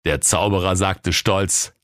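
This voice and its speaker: A man narrating a comic fairy tale in a deadpan storytelling manner. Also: low voice, slow, no room sound, studio quality.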